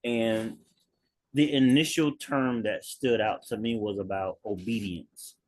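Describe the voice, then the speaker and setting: A man in a writing group sharing his reflections on a video call, slow and thoughtful, repeating key words. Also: on the low side, fairly even intonation, darkish tone, no room sound. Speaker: workshop participant.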